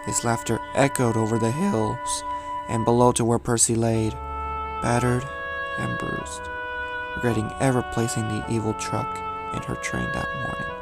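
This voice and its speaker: Music plays clearly in the background as a man narrates a scripted horror tale. His medium-pitched delivery is measured and storyteller-like, with dramatic emphasis and lively intonation.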